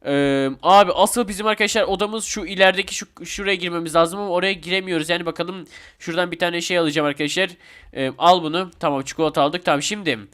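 A young man commentating a Roblox game with excitable, chatty talk to his viewers, a bit sick. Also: high-pitched, fast talker, smooth. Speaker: gaming YouTuber.

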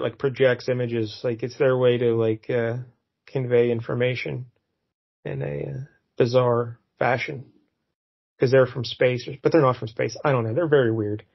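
This man co-hosts a podcast and talks loosely about a comic book, dropping in plenty of fillers and laughing under his breath. The medium-pitched voice has a creaky quality at normal speed, and the audio is dull.

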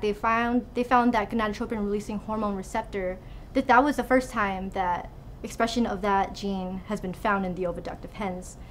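In a laboratory, a student researcher from Hawaii in her twenties answers interview questions informally. Her voice sits in the mid range, and the poor-quality audio carries slight background noise.

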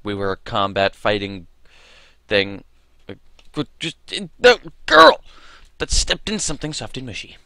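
A man's voice: lowish voice, big pitch swings, moderate pace, sharp tone, no echo. A young man giving casual gameplay commentary into a close microphone, bewildered, repeating and questioning what he hears. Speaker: let's play commentator. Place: small room indoors. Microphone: desk microphone close by.

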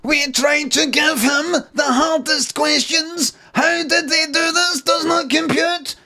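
Brief: glitching robot, a flustered game-show computer throwing errors in a raised, shouty robotic voice, as a man puts it on. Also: very high voice, steady tone, slow, voice pushed up, exaggerated voice. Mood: malfunctioning. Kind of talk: mock robot voice while reacting to a game show.

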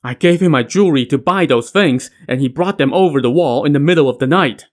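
A man voicing a terrified young woman in an audio story, pleading in a strained, raised pitch. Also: brisk, close to an everyday voice. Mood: frightened.

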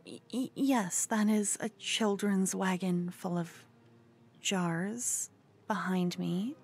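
With faint music in the background, a woman with a mid-range, slightly mellow voice takes it slowly as she performs an ASMR roleplay. Her character, a cute and obsessed human fangirl, is nervous yet defiant, stammering, flustered, brazen and breathy, often slipping toward a whisper.

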